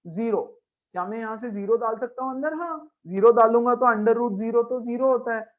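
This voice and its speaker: A man's voice: very high voice, brisk, muffled recording. A man teaching a maths class as a lecture, emphatic, repeating key points and checking in with his students. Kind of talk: classroom lecture mixing Hindi and English.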